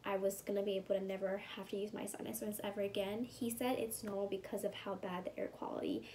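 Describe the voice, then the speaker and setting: Speaking at a quick pace, a young California vlogger gives a casual update on recovering from surgery, her mid-range voice level and mellow. She rambles with many fillers, sometimes sounding congested and sometimes whispering, over slight background noise.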